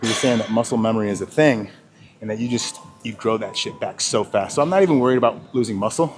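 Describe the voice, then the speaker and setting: A man's voice: fairly low pitch, quick pace, noisy background. A man talking casually in a gym vlog while out of breath, rambling and swearing, with lots of sidetracks. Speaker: fitness vlogger. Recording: music playing clearly behind.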